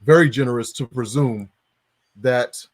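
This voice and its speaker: A man hosting a conversational interview, speaking in a measured, wry and pointed way. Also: mid-range voice. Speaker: podcast host.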